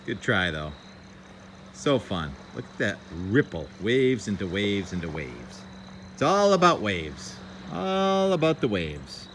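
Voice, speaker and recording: Holding his phone while out at the beach and waterside, this man vlogs in a relaxed way, tossing off brief, excited thoughts about the weather and sky. His voice sits low with a fairly bright tone. Outdoor ambience and passing vehicles come through clearly.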